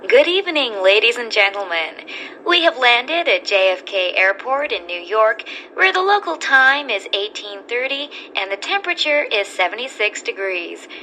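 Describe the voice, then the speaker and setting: Woman acting as bright-voiced airline announcer. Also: a little high, very animated, normal speed, a little hiss or hum, poor audio. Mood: polite, formal. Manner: polite, formal, clearly enunciated. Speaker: airport and cabin announcer. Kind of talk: airport and airline announcement, scripted.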